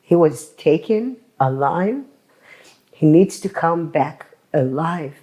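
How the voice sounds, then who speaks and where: A woman speaking as the wife of a hostage in an emotional interview, halting, repeating herself and pleading. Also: deep voice, animated, warm tone.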